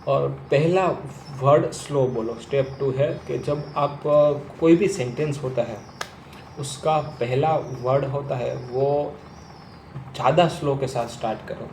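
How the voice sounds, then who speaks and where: A man coaching people who stammer. He stammers himself and repeats first sounds, speaking slowly and deliberately. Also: medium pitch, darkish tone, reverberant, slight background noise, rough recording. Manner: slow, deliberate delivery with long pauses. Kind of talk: instructional talk to camera.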